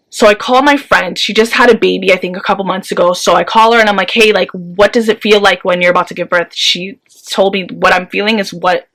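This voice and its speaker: Young woman, casual storytime vlogger, bright voice, chatty with lots of fillers. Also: mid-range voice.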